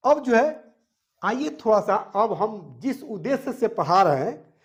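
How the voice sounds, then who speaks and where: Slow, lively-voiced male grammar teacher. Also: high-pitched. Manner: calls students "beta" and checks "any problem?" after each point; spells out sounds and letters one by one. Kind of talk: classroom lesson.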